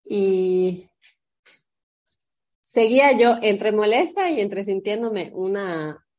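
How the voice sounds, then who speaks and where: A woman in her thirties with a Mexican accent, telling a parenting story in a casual chat and acting out quotes in a higher voice. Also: slow pace, muffled recording. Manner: animated, acts out quotes in a high voice, swears freely.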